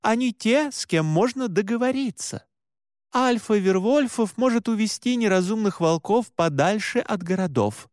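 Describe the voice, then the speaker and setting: A man's voice: sits high, animated, moderate pace, a little mellow, no room sound, pitched above the performer's own voice. Stern lady monster hunter, guy reading her, lecturing, dry close sound. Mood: firm. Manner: firm, lecturing and insistent. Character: stern woman monster hunter, blunt and forceful. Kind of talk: audiobook character voice.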